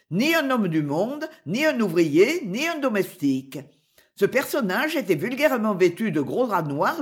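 A narrator reading a classic novel aloud in a slow, expressive storytelling manner. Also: medium pitch. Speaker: audiobook narrator. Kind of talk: scripted literary narration.

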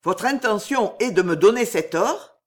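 A man's voice: high voice, lively intonation, measured pace, voice pushed up. A man voicing a humble prison concierge in a storybook reading, deferential and astonished. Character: humble old male prison concierge, awed and eager.

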